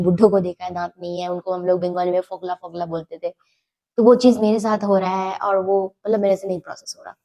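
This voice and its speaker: A woman telling a personal story in a casual storytime style, animated and repeating words for emphasis. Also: medium pitch, highs cut off.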